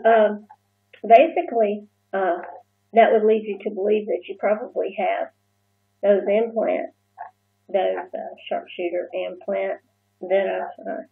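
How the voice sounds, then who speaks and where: A woman telling a personal story in a casual vlog, halting and full of fillers and restarts. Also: medium pitch, creaky. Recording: muffled phone-like lo-fi sound.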